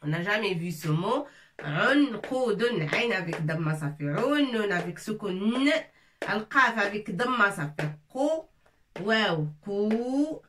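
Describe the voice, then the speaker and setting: A woman's voice: mid-range voice, expressive, takes it slowly, fairly bright tone, distant mic, a little hiss or hum. A woman teaching a lesson, patiently repeating each word and breaking it into syllables. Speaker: Arabic teacher. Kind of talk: slow spelled-out language lesson.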